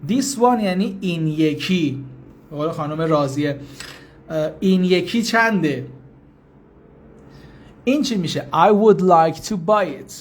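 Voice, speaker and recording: High-voiced man teaching a live language lesson. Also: lively intonation, slight background noise. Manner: reads out viewers' names and repeats English phrases slowly; explains patiently and informally. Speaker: English teacher.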